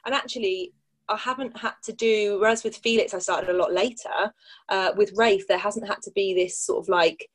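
Candid British mum chatting casually. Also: female voice, mid-range voice, fairly even intonation, normal speed. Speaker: mother, podcast guest. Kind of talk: casual personal chat.

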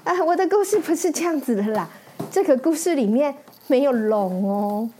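A woman voicing a busy little pig who waves off a request in a hurried, emphatic way in a storybook reading. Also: high voice, lively intonation, dark tone, slight background noise. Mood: dismissive.

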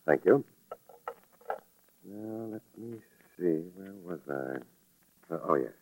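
Fussy radio professor: lowish, animated, prim, stammering, dry vintage sound. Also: male voice, slow pace, exaggerated voice, low-quality recording. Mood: irritated, absorbed. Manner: prim, stammering when alarmed. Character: fussy, indignant male museum scholar. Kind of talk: 1940s radio drama acting.

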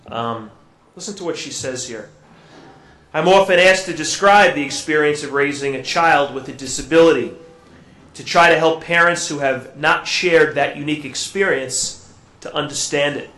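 Priest preaching in cathedral echo. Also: male voice, fairly high pitch. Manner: gentle and reflective, with halting fillers in his own words. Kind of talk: Gospel reading and homily at Mass. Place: church during Mass. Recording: echoey church room.

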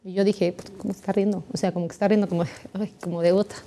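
A young adult Mexican woman, a podcast guest, telling a story in a chatty, animated way. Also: fairly low pitch, racing. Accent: Mexican Spanish. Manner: chatty, animated, acts out quoted voices.

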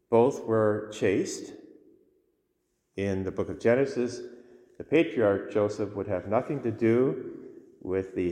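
A man speaking as a priest in a solemn, measured way, reading scripture and giving a homily in a church with a long cathedral echo. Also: on the low side, warm tone. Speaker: priest reading the Gospel and preaching. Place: large reverberant church interior.

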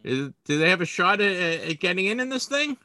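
A man's voice: sits high, sing-song, fairly quick, pushed and bright, no room sound. A man hosting a sports collectibles podcast, chatting casually, rambling and poking fun at himself as he trips over his words. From Boston area, US. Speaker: podcast host.

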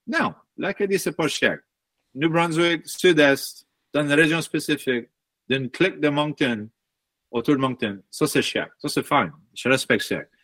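A man's voice: a little high, dry recording. A man in his thirties from Baie Sainte-Marie with an Acadian French accent, chatting as a musician guest and mixing English words into his French. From Baie Sainte-Marie, Nova Scotia. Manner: mixes English words into French, lively storytelling. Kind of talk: casual interview chat.

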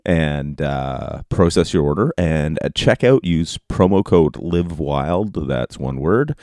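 A man hosting a podcast solo in a casual, rambling way, with halting, informal delivery. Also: very deep voice, expressive, a little mellow, dry recording, clean studio sound. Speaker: podcast host. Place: basement office at home. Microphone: close podcast microphone.

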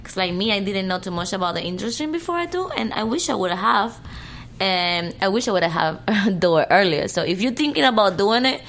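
A woman's voice: mid-range voice, big pitch swings, fairly quick, fairly bright tone, slight background noise. Giggly woman. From Cuba. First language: Spanish. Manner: giggly, talks in non-standard English grammar. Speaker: interview guest. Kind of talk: casual interview chat.

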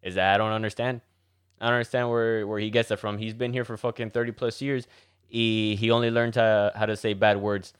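A man's voice: lowish voice, level tone, fairly quick, smooth. A man with a Miami Cuban accent co-hosting a casual chat, joking and switching between English and Spanish. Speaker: podcast co-host.

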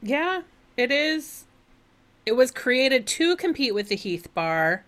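A woman co-hosting a podcast, laying out facts in an unhurried, casual way. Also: sits high, very animated, a bit bright. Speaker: podcast co-host. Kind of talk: casual chat.

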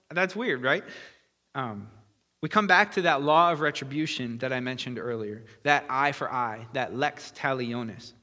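A man's voice: a little high, pushed and bright. A man preaching a conversational sermon, explaining earnestly with frequent fillers and restarts. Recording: long hall reverb.

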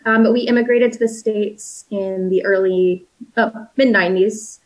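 A woman's voice: medium pitch, steady tone, moderate pace, low-quality recording. Chatty upbeat woman in her late twenties. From South Africa. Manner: chatty and upbeat, lots of "like" and "um", laughs easily. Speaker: interview guest, winemaker. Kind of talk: casual conversational interview.

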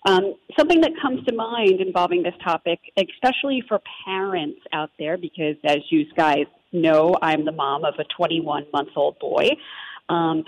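A woman's voice: lowish voice, poor audio. A woman in her thirties with a New Jersey accent, talking eagerly as an interview guest, full of fillers and asides. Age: 30s. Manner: enthusiastic, rambling with fillers. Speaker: guest, holistic health advocate. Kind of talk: conversational interview.

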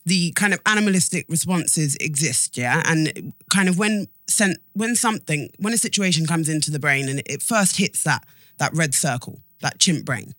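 With a low, slightly bright voice captured in clean studio sound without room reverberation, a woman co-hosts a podcast. Her casual explanatory chat is informal and emphatic, full of repeated phrases and checks that listeners keep up.

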